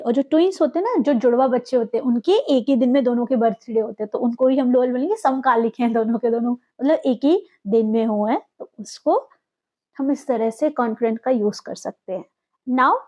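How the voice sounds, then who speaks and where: A woman's voice: a little high, mellow. An Indian woman teaching English vocabulary, asking questions and answering them herself as she mixes English words into her explanations.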